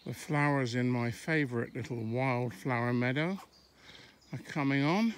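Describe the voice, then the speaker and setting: Filming on his phone as he walks country lanes and fields, a middle-aged man from England offers casual commentary in a mid-range voice. He often stops mid-sentence, and faint outdoor noise sits in the background.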